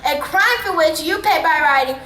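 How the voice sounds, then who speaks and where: A young woman narrates a stage play with wry, expressive storytelling. Her voice is very high and bright, and it carries from far off across a roomy auditorium. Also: moderate pace. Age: young adult.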